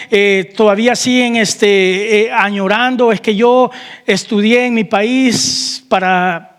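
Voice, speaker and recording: A man's voice: high voice, fairly bright tone, in a large hall. A man preaching a sermon as pastor, asking the congregation questions and calling out amen. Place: church hall.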